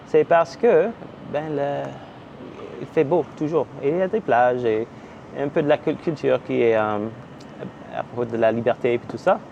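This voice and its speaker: A man's voice: medium pitch, moderate pace, gravelly, a little mellow. A man from Canada talks casually to camera in a vlog. He hesitates often and fills the gaps while he searches for words in a language that is not his first. The recording sounds slightly dull, and a faint air-conditioning hum runs underneath. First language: English. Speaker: vlogger.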